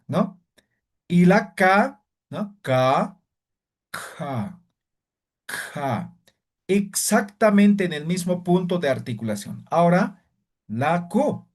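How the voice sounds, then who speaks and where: Slow, patient male language teacher. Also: sits high. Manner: patient, repeats sounds slowly and checks with "¿ya?". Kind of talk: classroom lesson.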